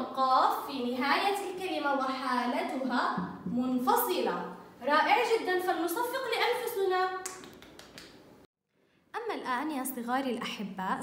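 A woman teaching a first-grade Arabic lesson to young children, encouraging them with sing-song praise and drawn-out letter sounds. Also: high-pitched, fairly bright tone. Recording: echoey, distant mic, faint noise.

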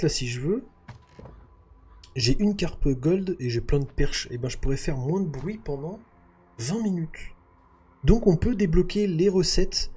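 A man's voice: a little high, darkish tone, husky. A man chatting casually through gameplay, thinking aloud with lots of fillers. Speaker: gaming YouTuber.

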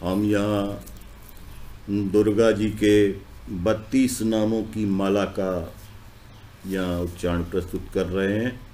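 A man giving a measured, solemn devotional recitation and chanting prayer verses. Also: on the low side, flat delivery, dark tone. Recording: echoey room.

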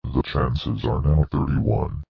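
A synthetic male text-to-speech voice playing a demonic, menacing evil purple dinosaur, gloating and threatening in a slow, deliberate way. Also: a bass voice, expressive, vocal fry, slightly rough, heavily acted. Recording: dull muffled lo-fi audio.

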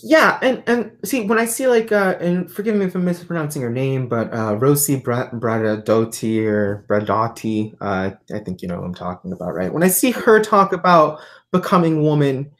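A woman's voice: extremely low pitch, normal speed, hardly any pauses. A woman guest on a livestream, explaining ideas thoughtfully with many fillers and restarts. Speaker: guest, artist and philosophy tutor. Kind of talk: livestream conversation.

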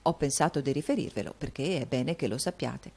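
A woman's voice: very deep voice, a little fast, gravelly, mellow, slightly rough, exaggerated voice. A woman reading an audiobook, voicing a gossipy, meddling male actor with an insinuating, confiding tone. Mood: sly gossip.

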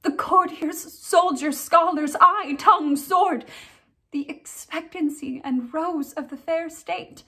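A woman's voice: very high-pitched, takes it slowly, pushed and bright, heavily acted. A young woman playing a grieving tragic noblewoman in a classical theatre monologue, with a sorrowful, anguished delivery. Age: young adult. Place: indoors, plain backdrop.

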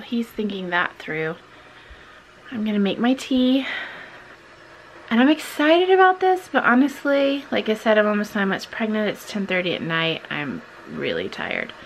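Filming at night in a wooden barn and in a farmhouse kitchen, a thirtysomething woman vlogs casually, speaking softly and frequently whispering. Her mid-range voice has a sing-song lilt and a moderate pace with frequent pauses, over slight background noise.

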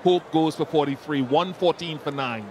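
A man calls the cricket with a measured, analytical tone in a slightly raised voice. The ground's outdoor noise carries under his commentary. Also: fairly high pitch.

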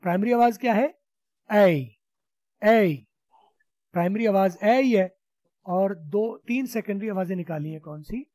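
A man's voice: high voice, fairly quick, dark tone, dry recording. A man teaching spoken English in an online class, patiently explaining and repeating sounds for students to copy. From Pakistan. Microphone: video call.

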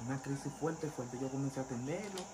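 Un hombre con acento dominicano, invitado en una entrevista, cuenta su historia de forma animada e imita las voces de otros. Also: male voice, medium pitch, fast. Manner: animated, acts out voices of others when retelling. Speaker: interview guest, former pastor turned vodou priest. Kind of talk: casual storytelling interview. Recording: noisy background.

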